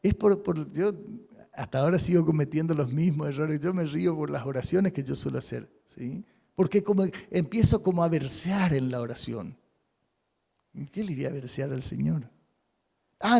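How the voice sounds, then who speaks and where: A male pastor giving an animated sermon, acting out sample prayers and checking in with the congregation. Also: sits high, vocal fry. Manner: animated, acts out sample prayers, asks "¿sí?" often. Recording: reverberant hall.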